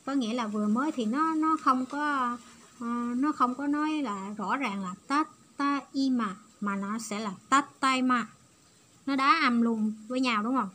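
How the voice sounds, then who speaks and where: A woman's voice: a little high, moderate pace, fairly bright tone, a little hiss or hum. A woman giving a patient, step-by-step online language lesson. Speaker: Japanese language teacher.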